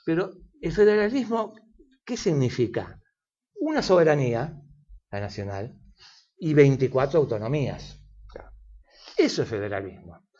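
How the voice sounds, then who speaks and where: Here an older Argentine man, a guest expert in an interview, lectures at length, often restarting and using fillers. His medium-pitched voice is sing-song and dark in tone, moving at a moderate pace with frequent pauses, and the treble is cut off.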